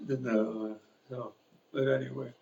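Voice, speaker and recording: A man's voice: mid-range voice, roomy sound, highs cut off, slight background noise. A man preaching an informal sermon in a church, telling a personal story in a rambling, self-correcting way with frequent chuckles. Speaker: pastor. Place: church sanctuary.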